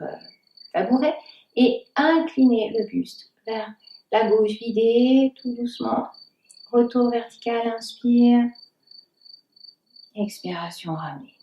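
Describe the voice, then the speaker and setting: Woman yoga teacher, slow calm cues, mellow tone, roomy echo, off-mic. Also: a little high, distant mic, slight background noise. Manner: slow, calm cueing of breath and movement, drops to near whispers. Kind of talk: guided yoga instruction.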